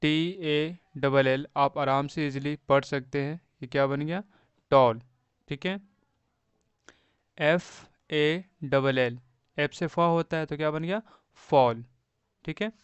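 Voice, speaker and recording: Guy teaching english phonics, super slow, spells everything out, crisp voice, dry close sound. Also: on the high side, no room sound, dull audio. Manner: slow, spells words letter by letter and repeats "thik hai". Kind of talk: phonics lesson for beginners.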